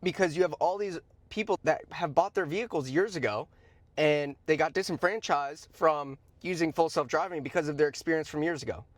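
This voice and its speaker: A fairly high-pitched, brisk male voice in a dry recording belongs to a stock commentary show host. He's informal and opinionated, speaking bluntly and emphatically in a chatty style, with slangy asides and points hammered home by repetition.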